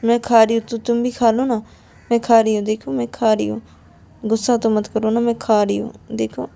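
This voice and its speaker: A woman's voice: a little high, level tone, normal speed, gravelly, warm tone. A woman voicing Ananya, a coaxing, teasing young woman, in a storybook romance.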